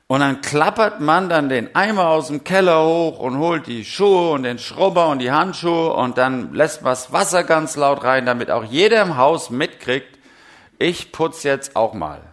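A man's voice: a little high, fairly bright tone. A middle-aged man preaching a sermon, telling humorous, self-mocking stories and putting direct questions to the congregation.

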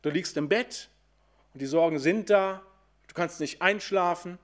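Preaching to his congregation in a high voice, a man asks questions only to answer them himself. His pace eases whenever scripture is quoted.

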